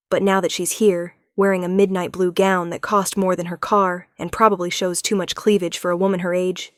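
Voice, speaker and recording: A woman giving smooth, unhurried scripted narration of a romance story. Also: lowish voice, no echo, clean studio sound.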